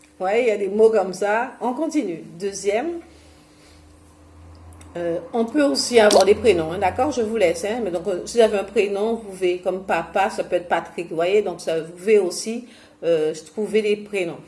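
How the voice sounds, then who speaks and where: A woman's voice: medium pitch, normal speed, a little mellow. A woman from Guadeloupe leading a memory and movement exercise for seniors at home. She talks in a chatty, hesitant way, full of fillers and restarts, and films herself on a camera mic. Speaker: senior fitness and memory instructor. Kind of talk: instructional talk to seniors at home. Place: home, self-filmed.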